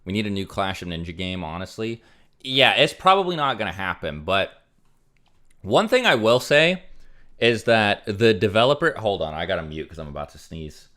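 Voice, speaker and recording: A man's voice: fairly low pitch, sing-song, moderate pace, a bit bright. A young man streamer casually chatting and answering donations, rambling with lots of fillers. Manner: rambling, filler-heavy, frequent "like" and "um". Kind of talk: casual livestream chat reading donations.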